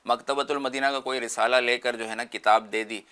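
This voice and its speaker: Bright-voiced man explaining earnestly. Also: medium pitch, steady tone, clear, resonant tone. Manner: earnest, explanatory, lists everyday examples. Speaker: guest speaker. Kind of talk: religious talk show discussion.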